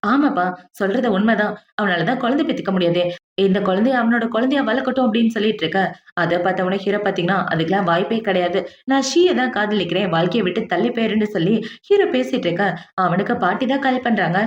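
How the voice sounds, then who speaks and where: A woman narrating a drama recap in a brisk, chatty way, acting out the quoted lines as she goes. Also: mid-range voice, reverberant, muffled recording. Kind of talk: casual storytelling recap of a drama.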